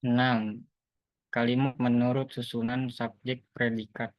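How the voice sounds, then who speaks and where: A young man student reading his part of a group class presentation in a flat, dutiful way. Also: medium pitch, a little slow, dry recording. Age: young adult. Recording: dry, dull lo-fi recording.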